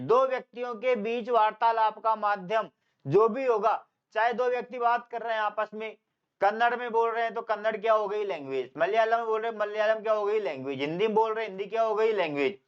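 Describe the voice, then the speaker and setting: A man with a high, smooth, clear voice teaches an English grammar class in an Indian English accent. He keeps quizzing his students, asks a question and then answers it himself. The recording is a little dull and lo-fi. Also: expressive, brisk. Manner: call-and-response questioning, calls students "beta". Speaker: English teacher for competitive exams. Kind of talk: classroom lecture. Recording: slightly dull lo-fi sound.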